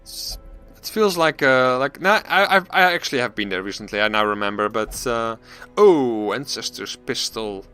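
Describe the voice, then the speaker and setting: A man's voice: medium pitch, animated, normal speed, pushed and bright, soft background music. A man hosting a gaming channel, thinking aloud in casual let's-play commentary, self-deprecating and often restarting his sentences.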